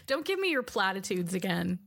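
A woman co-hosting a podcast in casual chat, animated, laughing often and swearing freely, recorded over a Skype call. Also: medium pitch, measured pace, vocal fry, no room sound. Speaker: podcast co-host.

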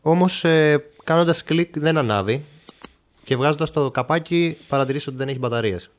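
A man narrating as game master of a mystery podcast game, describing a room with steady pacing and small fillers. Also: fairly high pitch.

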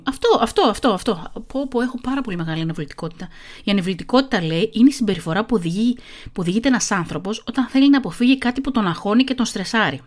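A middle-aged woman who talks very fast, chatting casually and reading an article aloud, self-mocking and quick to laugh. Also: medium pitch. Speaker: podcast host.

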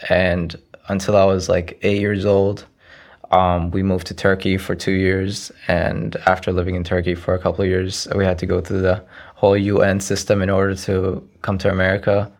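A roughly twenty-year-old man from Iraq whose first language is Arabic is a guest in a casual interview conversation. His low, gravelly voice is monotone and moves at a normal speed, and his soft, hesitant answers are padded with frequent "you know"s.

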